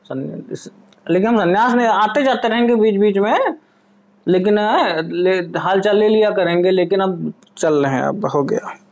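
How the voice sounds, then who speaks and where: A man talking casually to his wife and to his viewers in a home vlog, calm, firm and teasing, recorded indoors on a camera set up in front of him. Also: high voice, normal speed, vocal fry. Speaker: vlogger husband pulling a prank.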